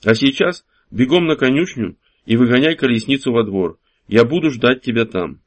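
A man voicing a shrewd, good-humoured ancient hero investigating a crime in an audiobook, giving brisk orders. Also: medium pitch, animated, natural voice. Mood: commanding.

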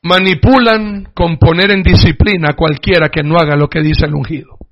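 High-voiced man preaching on lo-fi radio. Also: fairly even intonation, normal speed. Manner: emphatic preaching with sudden loud bursts and acted-out quotes. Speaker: pastor. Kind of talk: sermon. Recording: dull lo-fi radio broadcast.

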